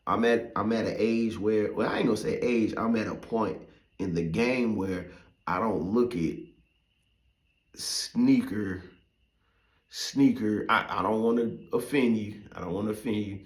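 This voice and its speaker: A man's voice: on the low side, unhurried, reverberant. A middle-aged man as podcast host, talking in a loose, profane, rambling way with many fillers. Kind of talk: casual monologue.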